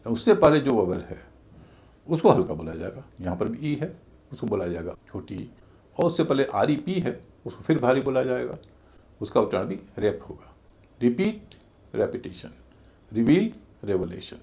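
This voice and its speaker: Man, pronunciation teacher, gravelly voice, lively rising and falling pitch, spells out letters, repeats stress patterns. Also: moderate pace. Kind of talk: video class lesson.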